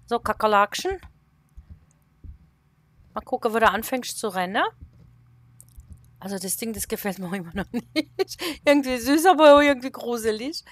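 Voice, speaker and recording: A woman with a mid-range voice, recorded without echo, is a let's play gamer commentating a horror game. She's casual and nervous, talking to herself and exclaiming in fright.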